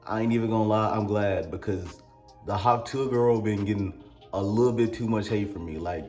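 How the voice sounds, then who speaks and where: A man with a Mississippi drawl rambles through a comedic album review, tossing in crude jokes. His voice sits fairly low and rings in a roomy, echoey space. Faint music plays behind him. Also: normal speed, darkish tone. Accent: Mississippi Southern US. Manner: rambling, crude joking asides.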